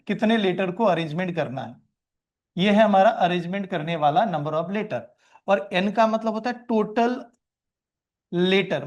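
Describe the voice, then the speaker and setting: A man with a high voice gives a math lesson. He asks his students questions, then answers them himself. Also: a little mellow. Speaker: math teacher. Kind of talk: classroom lecture.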